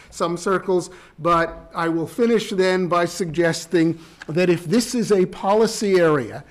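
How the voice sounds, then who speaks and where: A man giving an academic law lecture in a measured, deliberate way, with frequent ums and uhs. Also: sits high. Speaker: law professor. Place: lecture hall.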